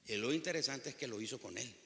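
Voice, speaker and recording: Bright-voiced preacher in a reverberant hall. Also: male voice, medium pitch, quick pace, vocal fry. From Nicaragua. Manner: impassioned preaching with stories. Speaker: pastor. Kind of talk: sermon. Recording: long reverb of a church hall.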